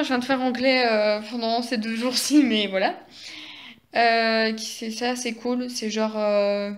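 A teenage girl of sixteen vlogs from home, her fairly high voice picked up by a phone held at arm's length. She chats casually and rambles, full of hesitations and restarts. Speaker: vlogger. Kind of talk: casual chat vlog. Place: at home during lockdown.

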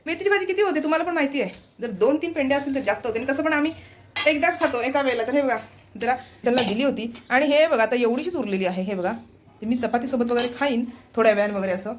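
A woman's voice: high-pitched, fast talker, a little hiss or hum. A woman vlogger with a Marathi accent chatting casually through her home routine, often pointing things out to viewers. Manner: chatty, repeats "look here" while showing things. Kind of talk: casual home vlog narration. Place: home, kitchen and window.

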